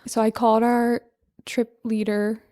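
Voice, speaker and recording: A young woman guest on a podcast, telling a story in a lively, chatty way with plenty of fillers and laughs. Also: a little high, measured pace, dry recording, studio quality. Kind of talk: casual interview chat.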